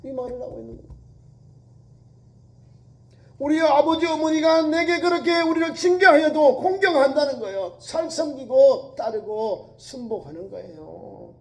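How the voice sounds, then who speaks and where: A man's voice: very high voice, expressive, moderate pace, gravelly, low-quality recording. A male pastor preaching a sermon with emphasis, repeating phrases and acting out quoted lines.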